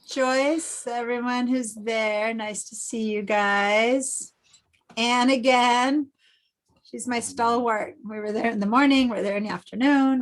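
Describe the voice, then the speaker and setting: A woman from Argentina, a native Spanish speaker, runs an online illustration class over a video call. She chats freely, greets each student, and drifts into rambling asides. Her voice comes through a headset mic. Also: on the high side. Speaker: illustration teacher. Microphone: Bluetooth headset on video call.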